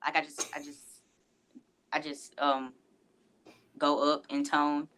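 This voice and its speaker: A man's voice: on the high side, completely flat delivery, takes it slowly, pushed and bright, slight background noise. A man chatting casually as a guest, hesitant and repeating himself. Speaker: horror host guest. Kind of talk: casual chat.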